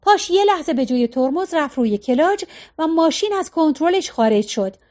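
A woman narrating an audiobook in a calm, even storytelling manner. Her voice sits high and light. She reads each sentence at a steady pace.

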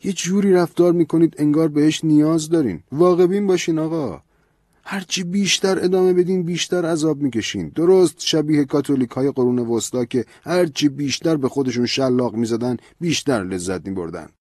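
Guy doing a preachy priest, lectures hard, voice pushed up high, dry sound. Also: warm tone, dry recording, close to an everyday voice. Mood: urgent, reproachful. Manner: earnest, raised-pitch lecturing. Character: stern older male priest, pleading, preachy.

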